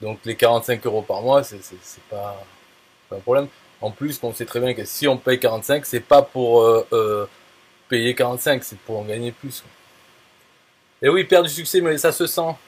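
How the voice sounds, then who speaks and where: A man with a slightly rough, mid-range voice talks at a moderate pace to a viewer. As an affiliate marketer, he's casual and blunt, with lots of fillers, restarts and crude slang.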